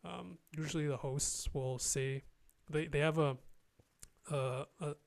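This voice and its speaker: A young adult man, a language learner and YouTuber, chats as a guest on a casual video call, hesitant and full of fillers and restarts. His fairly high voice is gravelly with a steady tone, and he takes it slowly. He's recorded in a small room on a close studio mic placed in front, wearing earphones.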